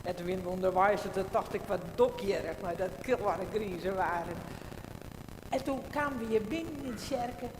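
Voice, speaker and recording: Her voice at a medium pitch, a female pastor delivers prayer and service liturgy in a calm, measured manner. The large church gives her words a long, cathedral-style echo, and room noise is audible throughout the livestream.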